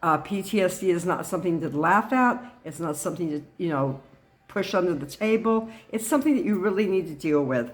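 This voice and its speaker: A middle-aged woman giving a personal talk to camera in an earnest, halting way. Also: on the low side, lively intonation. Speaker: vlogger sharing personal experience.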